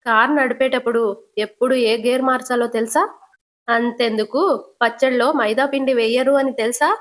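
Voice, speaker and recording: A sarcastic young husband throws out teasing jabs at his family, as a woman puts him on. His voice sits a little high. The delivery is quick and mocking, like a retold soap scene. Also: flat delivery, close to an everyday voice.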